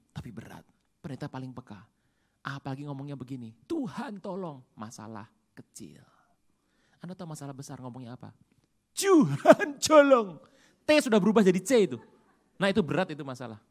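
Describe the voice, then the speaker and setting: A pastor preaching an animated sermon with jokes and rhetorical questions, jumping between loud outbursts and hushed asides. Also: mid-range voice.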